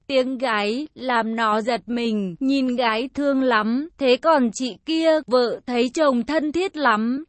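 Female narrator for an audio romance story: high, light voice, slow and soft delivery, close and dry sound. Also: no echo. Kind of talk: reading a romance story aloud.

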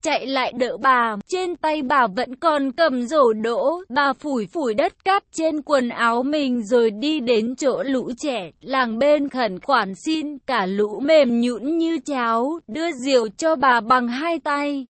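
A woman narrating a first-person story in a lively, colloquial way. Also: high voice, takes it slowly, hardly any pauses, no room sound.

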